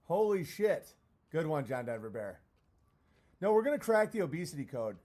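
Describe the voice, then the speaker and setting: Higher-voiced man ranting on a livestream. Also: sing-song, normal speed, dark tone. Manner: profane, self-deprecating. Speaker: live streamer. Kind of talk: casual livestream rant, answering chat comments.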